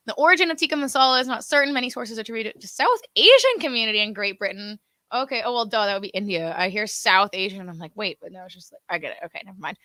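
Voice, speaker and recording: A woman's voice: medium pitch, lively intonation, rapid-fire, sharp tone, no echo. A woman co-hosting a casual livestream, chatty and giggly, with lots of "like" fillers, talking in a room with cameras and lights. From West Virginia and South Florida. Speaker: co-host of a livestream.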